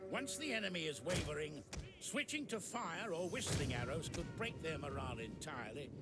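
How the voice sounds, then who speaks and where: An actor playing an instructive military advisor, giving scripted tutorial narration in a strategy game. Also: male voice, a little high, expressive, normal speed, natural voice. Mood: measured, instructive. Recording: loud game music behind.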